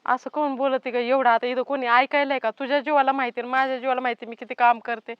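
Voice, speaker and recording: A meek, exhausted mother-in-law, played by a woman in a family drama. She speaks fairly high and softly, pleading more than arguing. The sound is slightly dull. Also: level tone, quick pace, smooth, close to an everyday voice. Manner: pleading, tired, soft-spoken. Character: weary, meek older village mother-in-law. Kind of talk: village family drama acting.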